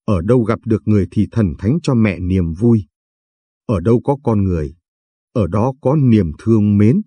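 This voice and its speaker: A gentle, pious old village mother from a story read aloud, softly consoling her son. A man reads her in a deep, mellow, husky voice. Dry, close sound. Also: animated, normal speed, no room sound. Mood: tender.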